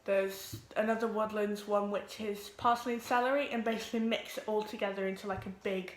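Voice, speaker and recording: Teen girl chatting nervously to camera, lots of ums, middle pitch, echoey room. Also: fairly even intonation, slight background noise. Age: teens. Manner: nervous, talks quickly with many ums. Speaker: vlogger. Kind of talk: casual vlog introduction. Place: home room with pets.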